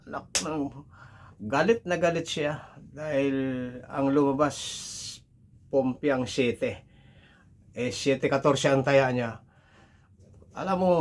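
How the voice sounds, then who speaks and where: A man telling a funny folk story in a casual, rough way, swearing freely and talking straight to the listener. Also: medium pitch.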